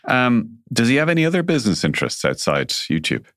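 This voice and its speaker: A man's voice: mid-range voice, huge pitch swings, a little fast, a bit bright, dry recording, studio quality. A man hosting a conversational interview, musing and hesitant as he puts his questions. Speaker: interview host.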